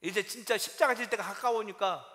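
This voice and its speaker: High, bright-voiced man preaching a sermon. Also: brisk. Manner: animated, asks the congregation rhetorical questions. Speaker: pastor. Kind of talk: Sunday sermon. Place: church sanctuary. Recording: long church-hall reverb.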